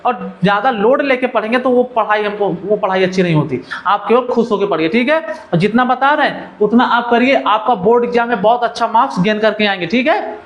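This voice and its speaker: A man's voice: high-pitched, a little fast, lo-fi sound. A male teacher giving an exam-oriented literature lesson, who keeps asking the class questions and answering them himself.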